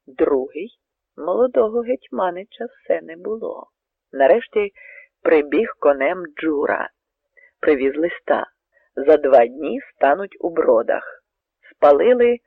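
A man narrating a dramatic story, swinging between hushed passages and emphatic lines. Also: a little high, vocal fry, slightly rough, dry recording. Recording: narrow tinny radio recording, dry.

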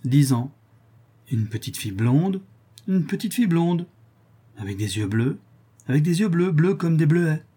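A scheming, greedy old woman who wheedles in coarse slang, as a male reader puts her on. Her voice is lifted above his own, yet stays dark and husky. It is an audiobook figure of low cunning. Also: normal speed, few pauses. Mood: wheedling.

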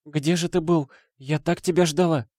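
Grieving mother, pleading and emotional, raised pitch, dry audiobook read, voiced by a man. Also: fairly even intonation, moderate pace, a little mellow, dry recording, natural voice. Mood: tender.

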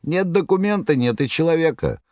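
A man's voice: fairly high pitch, expressive, normal speed, a little mellow, no echo, clean studio sound, voice pushed up, close to an everyday voice. A man voicing a jaunty, mocking male demon trickster in an audiobook. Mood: mocking glee. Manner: jaunty, sly and showy. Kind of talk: audiobook reading.

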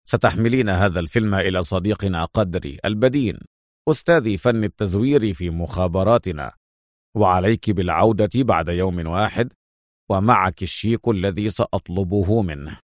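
A man voicing a confident male intelligence colonel in an audio story, speaking calmly and with assurance. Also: low-pitched, fairly quick, dry recording, clean studio sound, lightly acted. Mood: assured.

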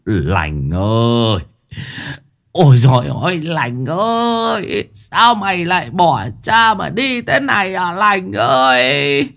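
A man voicing a pompous, bullying old male village chief who scolds and shouts, in a spoken ghost story. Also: medium pitch, wildly swooping pitch, takes it slowly, voice pushed up, full character voice. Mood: wailing.

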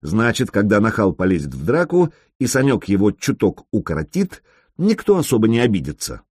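A man reading a novel aloud as narrator, with wry, lively storytelling. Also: lowish voice, fairly quick, breathy edge, no room sound, clean studio sound. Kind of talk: audiobook narration.

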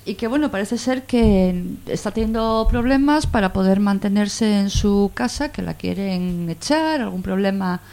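A slightly hoarse woman hosting a community radio show, introducing a guest in a casual, rambling way. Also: medium pitch, normal speed, hardly any pauses, darkish tone. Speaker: radio host.

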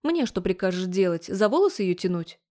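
A woman's voice: mid-range voice, very animated, fairly quick, a little mellow, close to an everyday voice. A woman voicing an exasperated, defensive middle-aged mother in an audiobook.

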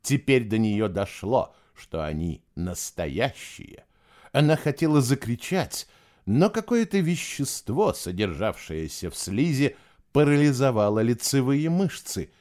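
Lively male audiobook narrator. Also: mid-range voice, measured pace. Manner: lively, expressive reading. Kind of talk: scripted narration.

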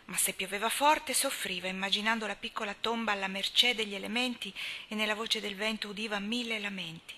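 A woman reading a novel aloud as an audiobook, in a soft, hushed narration. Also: mid-range voice, a little hiss or hum. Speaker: audiobook reader. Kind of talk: scripted narration.

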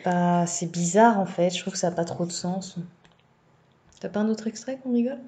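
A woman with a mellow, warm voice co-hosting a casual book podcast. She makes easygoing, wry remarks and often lets her sentences trail off softly. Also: on the low side, moderate pace. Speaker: podcast co-host.

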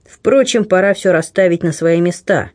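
A man voicing a gruff old buccaneer. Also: high-pitched, normal speed, lightly acted. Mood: gruff warmth. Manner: grumbling, teasing, plain-spoken. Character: gruff aging male buccaneer, blunt, kindly, ironic.

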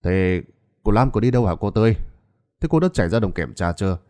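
A curious village neighbor asks questions in a brisk, everyday voice, as the male narrator voices them. The tone is low and mellow. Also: close to an everyday voice. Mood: questioning.

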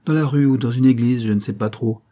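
A man's voice: medium pitch, fast talker, mellow, close to an everyday voice. A man voicing a chatty, gullible woman concierge who gossips effusively. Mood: gossipy.

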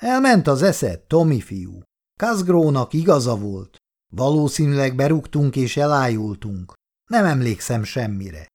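A man's voice: medium pitch, big pitch swings, a little mellow. Man voicing a hungover drinker, grumbling, dismissive, audiobook figure. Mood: scoffing. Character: skeptical hungover adult man, a heavy drinker.

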